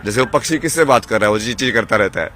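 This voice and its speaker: Outdoors at a busy festival ground, a wandering ascetic gives rambling, impassioned interview answers and fires off rhetorical questions. His low-side voice is expressive and rapid-fire. The outdoor recording has a loud crowd and a little hiss or hum.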